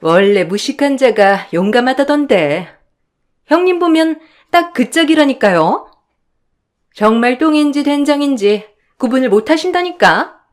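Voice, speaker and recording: A woman's voice: high-pitched, lively intonation, measured pace, voice pushed up. A haughty young sister-in-law who sneers and hurls insults with a mocking lilt, as a woman storyteller puts her on. She sounds smug and condescending throughout. A spoken storybook voice. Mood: sneering.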